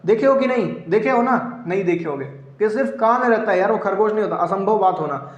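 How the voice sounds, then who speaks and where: A man's voice: high-pitched, animated, fairly quick. A young man from eastern Uttar Pradesh with a Purvanchal accent, teaching an online exam-prep class, joking and repeating each answer for his students. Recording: roomy, dull lo-fi sound.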